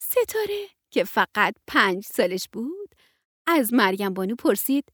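A woman reads a children's story aloud, her rather high, husky voice rising and falling in a lively way. The sound is dry and close, with soft music behind her. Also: no echo. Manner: lively, playing each figure with her voice. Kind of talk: storybook narration.

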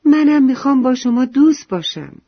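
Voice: medium pitch, expressive, no room sound. A storyteller voicing a proud, stubborn little poppy flower in a children's story. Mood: eager. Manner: insistent, fast and raised. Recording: dull lo-fi recording with faint music.

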